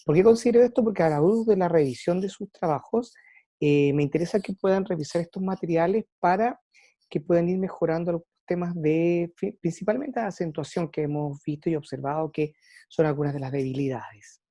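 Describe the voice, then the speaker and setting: A woman teacher lectures to her students, pausing often on fillers as she gathers her thoughts. Her voice sits a little low and sounds mellow. The recording is close and dry. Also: no echo. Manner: thinking aloud with frequent "eh" fillers and restarts. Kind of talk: online class lecture.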